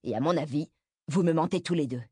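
A fed-up teenage boy , voiced by a woman narrator, pushes his questions in a low, firm tone. The storybook reading sounds close and dry. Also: brisk, a little mellow, breathy edge, no echo. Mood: probing.

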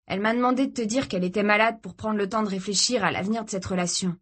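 A protective young man, read by a woman narrating a storybook, keeps his voice measured and placating. He apologizes carefully and evenly, holding back his anger to calm a dangerous situation. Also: medium pitch, lightly acted.

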